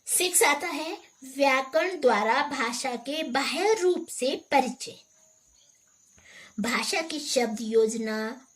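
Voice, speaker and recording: Slow, high-pitched woman teaching a lesson. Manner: explains point by point with fillers and rhetorical questions. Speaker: teacher educator. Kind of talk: teaching lecture.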